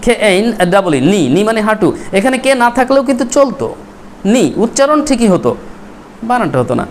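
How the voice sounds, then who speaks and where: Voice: medium pitch, sing-song, brisk, a little hiss or hum. Teacher spelling words aloud. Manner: spells words out letter by letter and quizzes students. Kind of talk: classroom vocabulary lesson.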